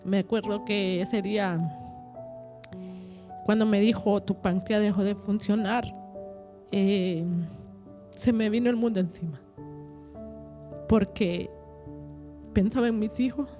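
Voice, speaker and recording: Woman giving a halting testimony over music. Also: mid-range voice, steady tone. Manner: halting, repeats words, acts out dialogue. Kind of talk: emotional personal testimony.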